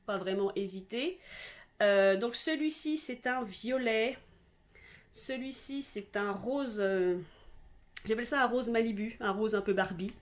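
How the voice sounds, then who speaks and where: Chatty French woman rambling through a haul. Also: a little high. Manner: chatty, rambling with many hesitations. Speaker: vlogger. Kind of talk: casual haul video.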